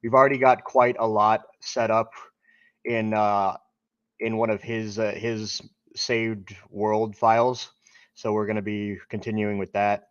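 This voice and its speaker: A man hosting a casual game stream, chatting in a halting, friendly way with lots of fillers. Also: on the low side, dry recording, highs cut off. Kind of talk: casual gameplay chat.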